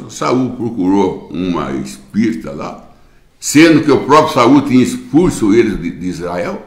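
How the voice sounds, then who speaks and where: A man's voice: medium pitch, roomy sound. A man with a Brazilian Portuguese accent preaching a sermon in church, repeating phrases for emphasis and calling his listeners brother. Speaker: pastor.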